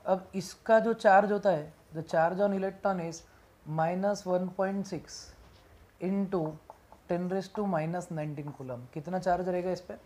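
A woman physics teacher giving a classroom lecture, dictating definitions slowly and repeating phrases word by word while mixing Hindi and English. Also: on the low side, dark tone. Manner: mixes Hindi and English mid-sentence.

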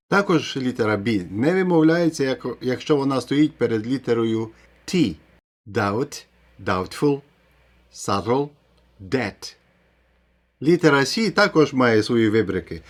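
Male teacher for a video lesson, explains rules clearly and sounds out example words. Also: mid-range voice. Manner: explains step by step, pronouncing English example words. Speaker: English pronunciation teacher.

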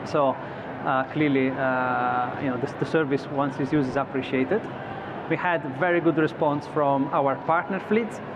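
A man's voice: mid-range voice, steady tone, unhurried. A man in his thirties, an executive guest interviewed at a trade show studio set, speaking thoughtfully with frequent restarts and fillers. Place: broadcast studio set on a convention floor. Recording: slightly dull audio with clear background noise.

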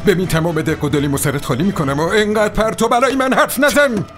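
A man's voice: high voice, a bit bright, faint music behind. A man dubbing a hot-tempered manager in a television drama, snapping orders and losing control over a woman. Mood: angry. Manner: agitated, snapping commands. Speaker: transport company manager. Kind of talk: Persian dub of a TV drama.

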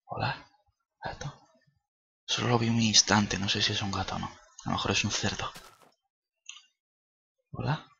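A man's voice: on the low side, fairly even intonation, measured pace, gravelly, pauses often, pushed and bright, breathy edge, no room sound, highs cut off. A young man giving playful, swearing gameplay commentary, often dropping to a coaxing near-whisper. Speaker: gaming YouTuber.

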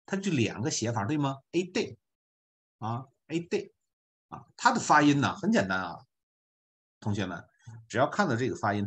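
A man teaching an online beginner class, explaining slowly and patiently with many filler particles. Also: medium pitch, fairly bright tone. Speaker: volunteer French teacher.

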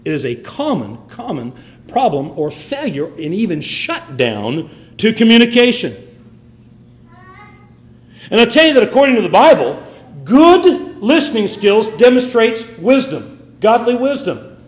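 A man's voice: high voice, very animated, unhurried, echoey room. A man preaching a sermon with emphatic, swinging delivery. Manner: emphatic, rising and falling delivery.

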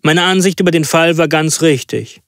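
A man voicing a calm, precise detective in a storybook reading, giving instructions. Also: a little high, moderate pace, no echo, studio quality, pitched above the performer's own voice. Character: calm, commanding male detective.

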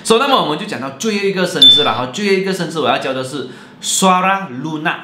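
A man, teaching a playful video lesson in an animated, jokey way and mixing in English and Malay words. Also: a little high, fast, very noisy. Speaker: language teacher. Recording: roomy echo.

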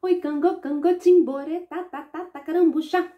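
A woman voicing a cheeky singing poop creature in a children's story, chanting high in a sing-song way. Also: steady tone, normal speed, narrow, tinny audio. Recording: echoey room.

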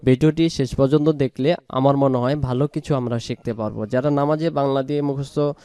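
A man with a Bangladeshi Bengali accent teaching Quran pronunciation word by word, explaining each sound and repeating words slowly. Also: medium pitch, fairly even intonation, dark tone, clear, resonant tone, no echo. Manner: explains, then chants words slowly and drawn out. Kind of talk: slow word-by-word pronunciation lesson.

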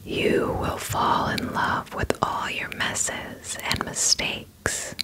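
A woman's voice: extremely slow, rough recording. A woman whispering a soothing pep talk in the style of ASMR affirmations. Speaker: ASMR host.

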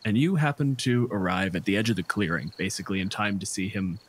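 This fast-talking man with a fairly low voice runs a tabletop RPG session as game master, narrating in a conversational style peppered with dry jokes. Crickets and other insects of a night forest fill the background of an otherwise clean recording.

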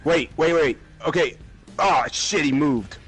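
Excitable high-voiced gamer man. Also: measured pace, husky, soft background music. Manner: excitable, shouts and laughs a lot. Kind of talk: casual game chat with friends.

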